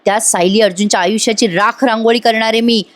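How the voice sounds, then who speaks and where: A woman's voice: fairly high pitch, fairly even intonation, fast talker, close to an everyday voice. A woman voicing an emotional young man who swears revenge for his father. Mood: vowing. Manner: emotional, vowing.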